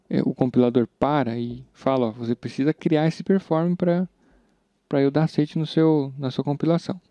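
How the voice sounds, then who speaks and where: A gravelly, warm, medium-pitched male voice with a Brazilian accent leads an informal programming tutorial recorded from the screen, musing aloud as he works in a chatty manner. The sound is dry, dull and slightly lo-fi.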